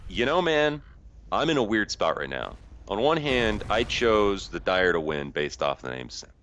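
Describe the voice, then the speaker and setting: A man with a fairly low voice and very varied intonation calls a video game casually. He is conversational and joking, with faint noise behind him. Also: big pitch swings, moderate pace, fairly bright tone. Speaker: esports commentator. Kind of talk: casual live play-by-play game commentary.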